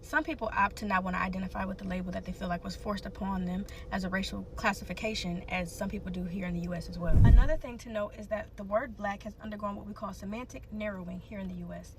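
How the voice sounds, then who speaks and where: A woman talks briskly and evenly, laying out context like a commentator. She sounds a little away from the microphone, with faint background noise. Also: mid-range voice, fairly even intonation, recorded from a distance. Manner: informative, composed. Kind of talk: explanatory social media commentary.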